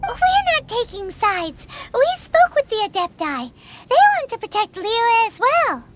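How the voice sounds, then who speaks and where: An actress voicing a tiny, excitable fairy companion who refers to herself by name, in a video game. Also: female voice, very high-pitched, unhurried, heavily acted. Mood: chirpy. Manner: chirpy, talks about herself by name. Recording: game music behind voice.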